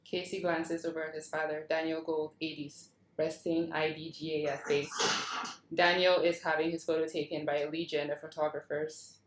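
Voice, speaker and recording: At a table read held over a roomy, echoing video call, she narrates the script's scene headings and action lines. Her voice sits low and her delivery is flat at a normal speed, with slight background noise.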